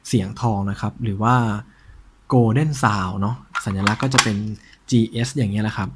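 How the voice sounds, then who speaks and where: A man hosting a collector's show in a casual, informal show-and-tell style, with a slightly husky voice. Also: lowish voice, normal speed, very noisy. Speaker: host of a cassette collection show.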